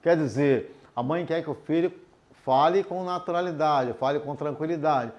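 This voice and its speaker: Standing at a board, a man with a slightly high, somewhat mellow voice teaches adults to read and write. He explains patiently and slowly, checking with the class through questions such as "tudo bem?".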